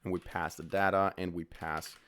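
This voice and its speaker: A man's voice: low voice, level tone, normal speed, a bit bright, a little hiss or hum. A man with a cold, his voice a bit off, explaining step by step as he types code in a programming tutorial. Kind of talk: screen-recorded coding tutorial.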